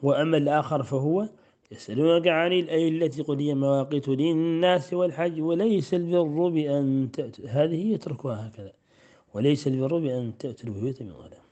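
A man teaching Quran recitation readings. He chants each verse slowly and repeats words to show how they are said, then gives brief, quick explanations. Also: fairly high pitch, dark tone. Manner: repeats words to demonstrate pronunciation. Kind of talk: recitation lesson.

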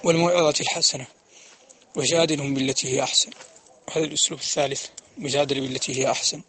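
A man giving a religious lecture, explaining steadily and chanting quoted verses slowly. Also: mid-range voice, steady tone, fairly bright tone, a little hiss or hum. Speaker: preacher.

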